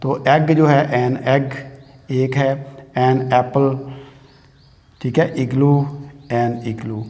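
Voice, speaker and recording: Male grammar teacher, slightly high voice, very slow and patient delivery, long reverb in the room. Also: a little mellow. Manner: slow, patient, repeats "theek hai" often. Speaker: English teacher. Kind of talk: classroom grammar lesson at a board. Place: classroom with a board.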